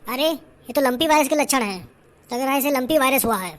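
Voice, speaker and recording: A woman doing a loud, lecturing village doctor. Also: sits high, brisk, a little hiss or hum, close to an everyday voice. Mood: explaining. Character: village doctor, brisk and explaining. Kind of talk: cartoon voice acting.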